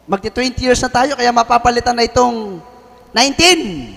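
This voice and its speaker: High-voiced preacher shouting praise. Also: male voice, expressive, moderate pace, creaky. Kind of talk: sermon testimony. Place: church hall. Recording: long hall reverb.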